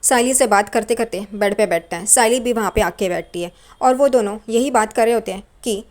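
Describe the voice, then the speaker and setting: A woman's voice: fairly high pitch, fairly quick, a little mellow. A woman narrating a recap of a TV serial episode in plain running narration.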